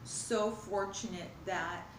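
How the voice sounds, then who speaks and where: A woman's voice: mid-range voice, steady tone, takes it slowly. A woman chats earnestly to the camera while she eats, rambling through her thoughts and now and then talking with her mouth full. Her voice sits in a middle range. The room echoes around her, with a faint hum behind. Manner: earnest, rambling, spiritual musing. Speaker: mukbang vlogger. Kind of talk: casual chat while eating. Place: home, at a glass table.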